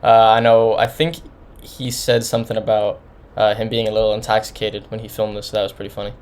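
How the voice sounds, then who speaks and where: A man's voice: fairly low pitch, little pitch movement, a little fast, a little mellow. A man giving an informal, rambling album review, talking casually with many restarts. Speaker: music reviewer.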